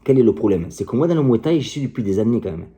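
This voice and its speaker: Very dark-voiced man ranting heatedly. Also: medium pitch, very animated, very fast. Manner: combative, heated, passionate, crude. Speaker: martial arts coach. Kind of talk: direct-to-camera rant.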